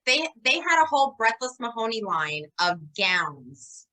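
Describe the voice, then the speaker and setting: A woman's voice: a little high, a little slow, low-quality recording. A woman in her forties with a New York accent, co-hosting a casual chat and telling stories with lots of laughter. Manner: animated storyteller, laughs a lot. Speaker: podcast co-host.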